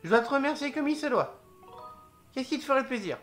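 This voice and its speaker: A man voicing an excitable male mole creature from a video game, in a loud, jumpy, theatrical put-on Italian accent, pitched well above his own voice. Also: fairly quick, faint music behind. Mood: grateful. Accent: put-on clichéd Italian.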